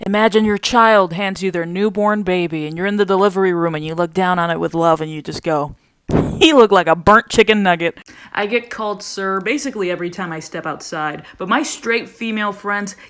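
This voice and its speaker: A woman comedian delivering a deadpan comedic monologue, slipping into quick voices for the people she quotes. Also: lowish voice, clear, resonant tone, no room sound, studio quality. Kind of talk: stand-up style comedic monologue.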